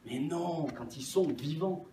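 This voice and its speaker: Man as a giggly deadpan store manager, noisy distant recording. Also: on the high side, measured pace, roomy sound, natural voice. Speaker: store manager in an improvised sketch. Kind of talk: improvised comedy sketch.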